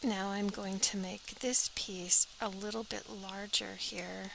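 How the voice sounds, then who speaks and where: A woman's voice: mid-range voice, little pitch movement, slow, creaky, fairly bright tone, slight background noise, rough recording. A woman teaching a step-by-step sewing pattern drafting tutorial, practical and talking as she works, often dropping to an airy half-whisper.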